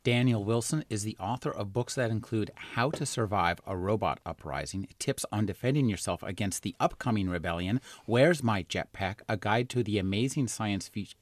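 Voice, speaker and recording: Low-voiced male interview host. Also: moderate pace, hardly any pauses. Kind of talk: interview talk.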